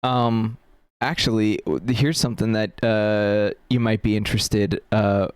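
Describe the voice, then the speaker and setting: A man's voice: lowish voice, steady tone, a little slow, darkish tone, smooth, no echo. A man hosting a casual chat, rambling with lots of fillers and restarts. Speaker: podcast host.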